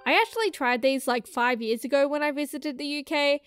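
A young Australian woman recording voice-over, handing out quick joking verdicts on snacks. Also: high-pitched, fairly even intonation, fairly bright tone, no room sound. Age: young adult. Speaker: vlogger giving snack ratings. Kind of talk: voice-over commentary. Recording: dry voice-over, faint music.

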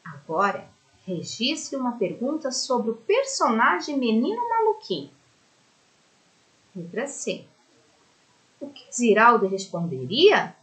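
A woman's voice: fairly high pitch, wildly swooping pitch, slow, long pauses, fairly bright tone, poor audio. A Brazilian woman teaching a primary school lesson in a recorded remote class. She talks affectionately and explains step by step, often checking in with her pupils. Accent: Brazilian Portuguese.

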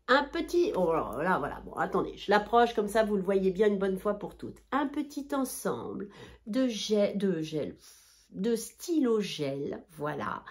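A woman filming a chatty haul vlog indoors under a ring light, bubbly and self-mocking as she talks straight to her viewers. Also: mid-range voice. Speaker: haul vlogger, mother of two daughters.

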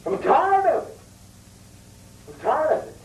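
A man doing a gruff, curt, fed-up guy. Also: very high-pitched, sing-song, measured pace, recorded from a distance, pitched above the performer's own voice, exaggerated voice. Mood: irritated. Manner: curt, swearing, exasperated. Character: gruff, impatient man in a hurry. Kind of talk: homemade comedy sketch. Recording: muffled, roomy recording from afar.

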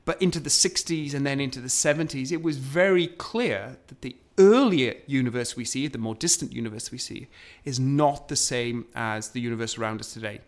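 A man's voice: mid-range voice, fairly quick. A man co-hosting a casual science conversation, explaining astronomy history in a storytelling way with frequent fillers. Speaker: co-host.

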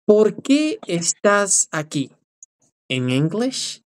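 A woman teaching a live online English lesson, drilling phrases slowly and encouraging her students. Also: medium pitch, very animated, darkish tone.

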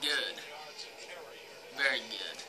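A man's voice: medium pitch, animated, drawn-out words, heavy background noise. A young American man talking casually and crudely with a lip full of dip, giving an amateur review. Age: young adult. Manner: crude, profane, slangy. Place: living room, indoors. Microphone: device mic a few feet away.

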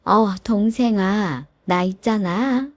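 A woman's voice: medium pitch, slow pace, no room sound. A woman voicing a pushy, presumptuous older sister-in-law who talks down to her family. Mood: bossy.

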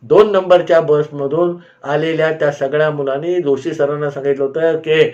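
A man telling a personal school memory in an unhurried way, often pausing to explain himself with asides. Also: on the high side, fairly even intonation, a little mellow. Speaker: storyteller. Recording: slightly dull, lo-fi sound.

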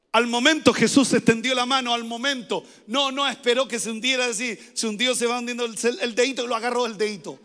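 A pastor delivers a sermon emphatically, repeating his phrases and sometimes rising to shouted pleas. His voice is extremely high-pitched, and a long reverb tail follows it.

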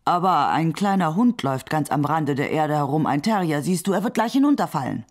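A woman's voice: low voice, expressive, a little fast. A woman putting on a grumbling old bearded saint. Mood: fussing. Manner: chatty, gently complaining.

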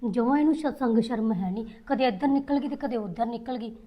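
An actress playing a greedy sister-in-law who gossips and plots over land. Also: female voice, a little high, fast talker, highs cut off, close to an everyday voice. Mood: scheming. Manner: gossiping, scheming. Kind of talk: Punjabi family drama acting.

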